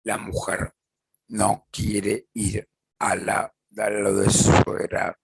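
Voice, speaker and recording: A man giving a measured lecture, repeating points and acting out example phrases. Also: lowish voice, completely flat delivery, gravelly, breathy edge, dry recording, poor audio. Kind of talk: slow explanatory lecture with acted examples.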